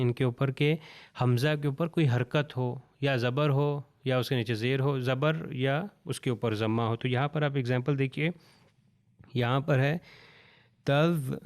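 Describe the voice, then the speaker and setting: Man, Quran recitation teacher, smooth resonant tone at a mid pitch, patient and slow on every example word. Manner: patient, repeats each word slowly and deliberately. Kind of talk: step-by-step recitation lesson.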